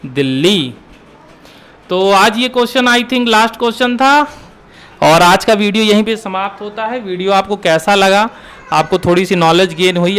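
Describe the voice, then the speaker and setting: Young male exam tutor, high crisp voice, quizzes the class and answers himself, repeats terms. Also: fairly bright tone. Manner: asks questions then answers them himself; repeats key terms for drilling. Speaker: Hindi exam teacher. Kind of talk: exam-prep lesson.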